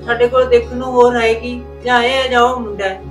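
A woman's voice: fairly high pitch, steady tone, fairly quick, faint music behind, close to an everyday voice. An actress playing a mother-in-law who protests and defends her family in a village family drama. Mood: defensive.

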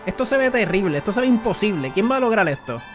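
Streamer man, high voice, excitable play-by-play, faint music behind. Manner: excitable, rapid play-by-play calling. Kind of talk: live game commentary to chat.

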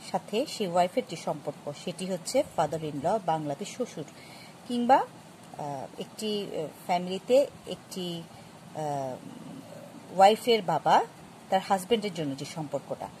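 A woman teaches a grammar lesson in a somewhat low voice. She explains patiently, stopping and restarting often. Faint noise sits behind her. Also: a little mellow, poor audio. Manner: explains slowly with many fillers and restarts; patient, addresses students directly. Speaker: English teacher.

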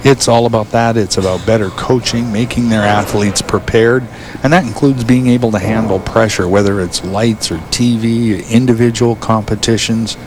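A man giving color commentary on televised bowling, with brisk technical calls on each shot. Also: fairly low pitch, steady tone. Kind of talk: sports commentary. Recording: TV broadcast with background noise.

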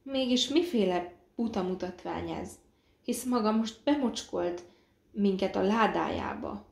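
A dazed young girl rambles in confusion, then pleads through pain, as a woman reader voices her. Her voice carries a gravelly edge, and the audiobook sits in a roomy, echoing space. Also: medium pitch, very animated, a little mellow. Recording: roomy echo.

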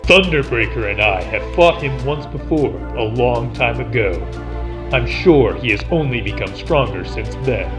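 A man playing a principled veteran superhero in a cartoon, with a measured, earnest manner. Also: medium pitch, lively intonation, over music, natural voice. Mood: serious. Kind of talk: scripted animated superhero acting.

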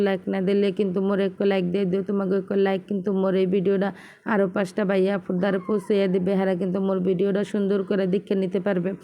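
A woman vlogger with a Barishal Bengali accent rattles along quickly, talking straight to her viewers in casual chat. Her voice is smooth and clear, and her pitch stays fairly level. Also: dark tone. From Bangladesh. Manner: chatty, addresses viewers directly. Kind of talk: casual home vlog chat.

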